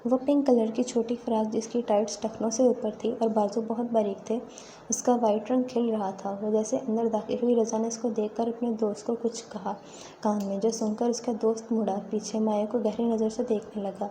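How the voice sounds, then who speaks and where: Woman narrating a story, steady reading, somewhat high, monotone. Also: a little hiss or hum.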